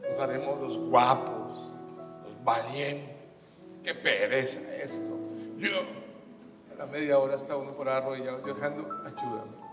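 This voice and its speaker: A man preaching a sermon, animated and swinging from loud bursts to hushed asides. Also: medium pitch, normal speed. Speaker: pastor. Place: church hall. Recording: echoey church hall with faint music.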